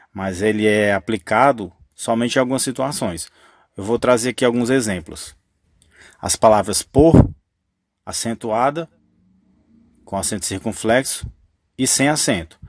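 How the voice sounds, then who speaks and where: In a mid-range voice at a moderate pace, a man works through grammar methodically and patiently, going back over each rule and checking that the listener follows. The sound is dry and studio quality.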